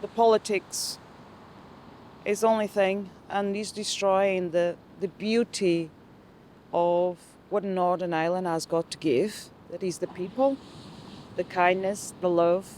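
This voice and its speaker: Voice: mid-range voice, steady tone, unhurried, a little mellow. A speaker in their fifties from Angola, emphatic and speaking in short phrases in a documentary interview. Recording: light background noise.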